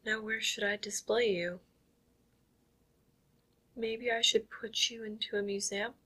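Woman as a husky whispering stage hypnotist. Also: a little high, little pitch movement, full character voice. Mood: playful. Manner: soft whispery commands, slow and soothing. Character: commanding female stage hypnotist, playful zombie queen. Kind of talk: ASMR hypnosis roleplay.

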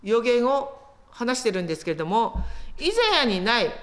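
A woman preaching a sermon in an animated storytelling manner, acting out quotes as she goes. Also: a little high, moderate pace. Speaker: pastor.

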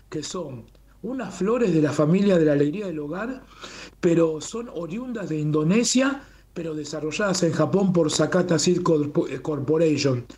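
A Rioplatense man speaks as a guest on a radio interview, his voice sitting a little high. He talks with open enthusiasm and keeps checking in with a rhetorical "¿no?" at the end of his sentences. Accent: Rioplatense Spanish. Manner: warm, enthusiastic, fond of rhetorical "¿no?". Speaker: guest, communications manager of a Japanese garden.

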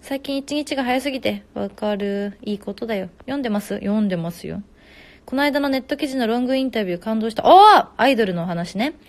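Her voice is fairly high with lively intonation. She's a woman in her twenties running a casual at-home live stream on her phone, reading comments aloud and answering them quickly.

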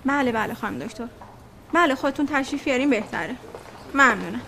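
A woman's voice: high-pitched, expressive, noisy background. An actress playing a polite but firm female hospital staffer. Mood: formal. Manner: polite, formal.

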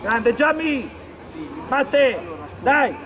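A man's voice: very high-pitched, lively intonation, very slow. A man coaching a youth football team from the sideline, calling out urgent, repeated instructions to his players outdoors. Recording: muffled outdoor recording with crowd. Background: crowd noise.

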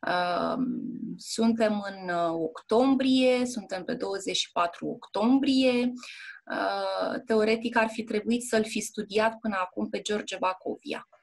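A woman teacher giving a one-on-one exam prep lesson, explaining patiently and often checking in with her student, with hesitant fillers. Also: mid-range voice. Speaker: Romanian language and literature teacher. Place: indoor classroom or tutoring room.

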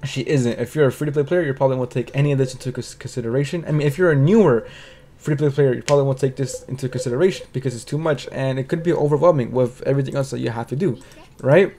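A man's voice: medium pitch, fast, warm tone, a little hiss or hum. A man giving casual gaming commentary, rambling and restarting words while he thinks, peppering his talk with swearing and tag questions. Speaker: game commentary creator.

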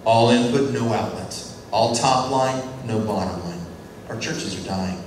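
A man giving a lecture on church mission. He questions the class and takes their short answers, and he acts out characters in quick voices as he tells stories. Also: on the low side. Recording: very echoey room, distant mic, faint noise.

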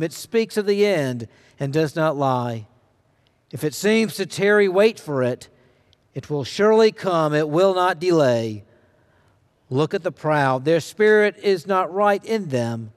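Man reading scripture in a big sanctuary. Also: a little high. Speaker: scripture reader. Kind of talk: reading scripture aloud in worship. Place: large church sanctuary, indoors. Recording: long reverb of a large sanctuary.

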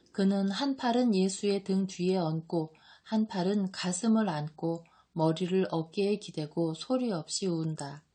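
Calm woman narrating in a mellow voice. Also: medium pitch. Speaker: audiobook narrator. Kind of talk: scripted narration.

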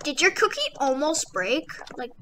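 A female gaming host giving excited, casual gameplay commentary and explaining things as she plays. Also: high voice, moderate pace, a little hiss or hum.

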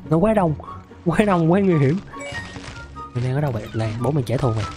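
Hoarse young guy streaming a game, kinda high voice, keeps yelping and repeating stuff, faint music behind. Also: fast talker. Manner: excitable, yelps and repeats words. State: hoarse from a sore throat. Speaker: gaming streamer. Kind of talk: excited game commentary.

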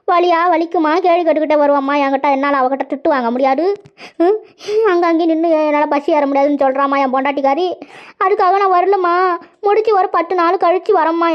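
A woman doing a squeaky, grumbling old village grandmother. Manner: lamenting, sing-song scolding with drawn-out complaints. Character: grumbling old village grandmother, self-pitying, long-suffering. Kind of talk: cartoon voice acting. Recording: dull lo-fi recording.

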